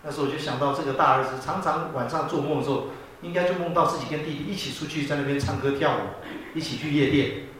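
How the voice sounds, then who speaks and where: High bright-voiced man preaching in an echoey hall. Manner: self-mocking, chuckling often, animated storytelling. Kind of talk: humorous sermon. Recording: very echoey hall, distant mic, faint room noise.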